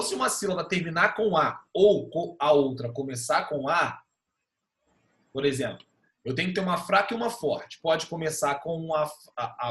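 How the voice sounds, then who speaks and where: A man's voice: fairly high pitch, fairly bright tone. A man with a Brazilian Portuguese accent, teaching an online class and patiently checking that the students are following. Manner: patient, checks understanding with frequent "tá bom?".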